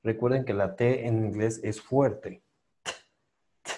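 A man teaching English pronunciation in an online class, patiently repeating sounds slowly for his students. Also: fairly low pitch, fairly even intonation, warm tone.

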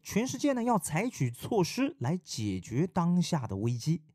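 A man from China teaching an English vocabulary lesson in a lively, explanatory way, mixing in English example sentences. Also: fairly high pitch, normal speed, breathy edge, no echo, studio quality.

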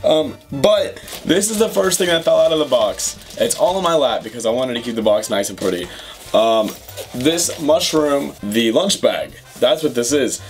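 A young man at home chats through an unboxing, gushing over each item and filling gaps with ums and likes. His pitch is mid-range and he sounds excited throughout, with faint music behind him. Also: normal speed. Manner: excitable, chatty, lots of fillers and gushing. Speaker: YouTube host. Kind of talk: casual unboxing vlog. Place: home room with puzzles on the wall.

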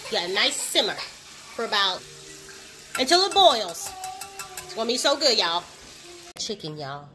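A woman's voice: medium pitch, big pitch swings, measured pace, music in the background. A woman hosting a casual home cooking vlog, chatting to viewers as y'all and savoring her food with lots of mm sounds. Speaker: cooking vlogger. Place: home kitchen.

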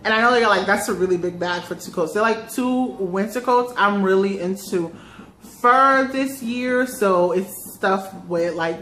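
A young adult woman vlogger gushes through a casual unboxing, slangy and self-deprecating, her medium-pitched voice a bit bright. She records on a phone mounted on a selfie stick, sometimes held back at a distance, in a roomy living room with background noise.

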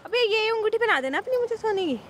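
Woman, high voice, teasing and provoking, bossy, recorded outdoors with audible street noise. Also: expressive, fast talker, fairly bright tone. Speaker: friend in a prank. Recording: clear street noise behind.

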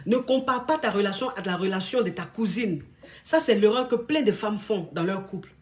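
A woman relationship coach giving blunt, scolding advice to couples in a casual, lively monologue. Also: mid-range voice, normal speed.

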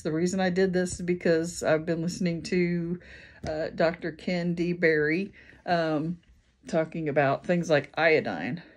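A woman's voice: lowish voice, darkish tone. A woman with a Midwestern American accent chatting casually in a home vlog, rambling with lots of ums and restarts and sounding tired. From Indiana, USA. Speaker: vlogger. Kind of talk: casual chat.

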